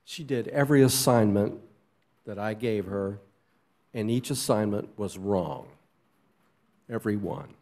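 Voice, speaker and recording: A middle-aged man, a schoolteacher, giving a halting, heartfelt personal testimony at a church service. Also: on the low side, a little mellow. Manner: halting and heartfelt, with fillers and restarts. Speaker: teacher sharing a testimony. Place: church sanctuary.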